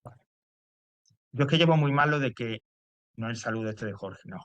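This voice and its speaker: A man's voice: medium pitch, moderate pace, a bit bright, no room sound. A man teaching English grammar to a class, explaining step by step and checking in often.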